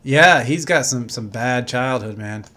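A man co-hosting a podcast, chatting casually, laughing often and acting out characters in loud, excited voices. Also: mid-range voice, unhurried, a little hiss or hum. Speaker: podcast co-host. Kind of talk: casual chat.

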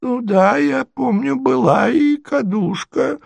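A man's voice: very high-pitched, takes it slowly, vocal fry, darkish tone, no room sound, pitched above the performer's own voice, heavily acted. A man voicing a senile, fussy elderly prince who stammers and quavers. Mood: dithering.

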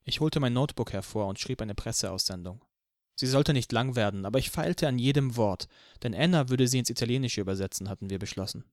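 A man's voice: mid-range voice, fairly quick, no echo. Male audiobook narrator, dry close sound. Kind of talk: first-person audiobook narration.

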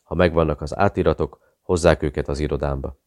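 A man's voice: very deep voice, fairly even intonation, a little mellow. A man reading a curt, commanding general. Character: commanding middle-aged male general.

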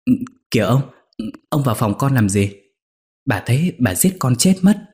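A man voicing a coy, scheming young female servant girl who whimpers and pleads in a high voice. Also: very animated, normal speed, a little mellow, natural voice. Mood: coy, fearful.

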